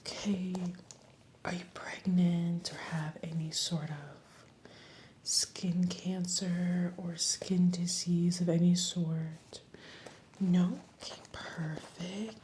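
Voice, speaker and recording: Slow, whispering woman doing ASMR. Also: lowish voice, level tone, slight background noise. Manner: soft whisper, slow and soothing, chatty reassurance. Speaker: ASMR roleplay esthetician.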